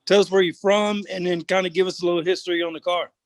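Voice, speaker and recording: A man hosting an online car club show on a video call, upbeat and quick, asking his guest questions. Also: high voice, flat delivery, no echo, clean studio sound.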